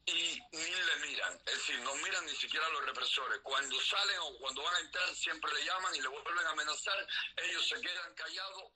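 A Cuban man speaking earnestly in a phone interview, stopping often on small fillers. His voice is very bright and thin, with a husky edge, and it comes through a tinny phone line. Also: a little high. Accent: Cuban Spanish. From Cuba. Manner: earnest, halting with many fillers. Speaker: activist leader interviewed.

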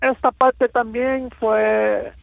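A man from Miami with an American accent in his Cuban-rooted Spanish, telling personal stories as an interview guest, halting and slipping in English words. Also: very high voice, little pitch movement, gravelly, no echo, narrow, tinny audio. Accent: American-accented Spanish with Cuban roots. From Miami, United States.

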